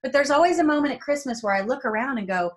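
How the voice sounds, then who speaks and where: A woman in her forties from New Jersey, a guest telling lively family stories over a video call from her home. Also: high voice, fast talker. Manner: animated storyteller who acts out quoted family members. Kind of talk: casual faith interview.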